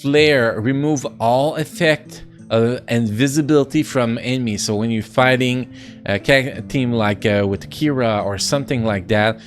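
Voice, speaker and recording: A man with a French accent giving casual, excitable commentary on a mobile game, full of restarts and playful sound effects. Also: mid-range voice, unhurried, faint music behind.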